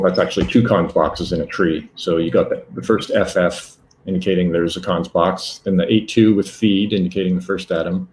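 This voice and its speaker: Man, very low voice, live code demo, hesitant, lots of fillers. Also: a little mellow, rough recording. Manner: halting, many fillers and self-corrections. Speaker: presenter.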